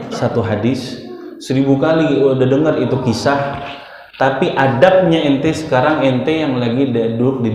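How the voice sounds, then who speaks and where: Male religious teacher, mellow tone, loud reverb, lo-fi hall recording. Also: medium pitch, slight background noise. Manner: reads Arabic lines then explains in casual slangy talk, often asks if students understand. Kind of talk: teaching a classical text to students. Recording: echoey dull lo-fi hall recording.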